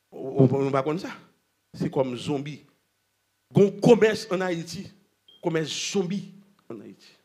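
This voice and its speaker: A man preaching a sermon at a church convention, swinging between shouting and hushed storytelling. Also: a little high.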